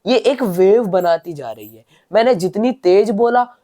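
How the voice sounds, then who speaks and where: A male tutor giving a science lesson. He asks rhetorical questions and then answers them, repeats phrases, reads English definitions slowly word by word, and lets his voice fall quietly at the ends of sentences. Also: sits high, animated. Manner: demonstrates by speaking louder and softer.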